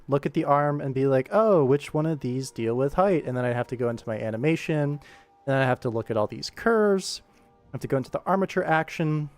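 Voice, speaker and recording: A slightly mellow, mid-range male voice belongs to an animator hosting a laid-back livestream of his animation work. He chats informally with viewers, explaining what he's doing and narrating his actions through sound-effect words.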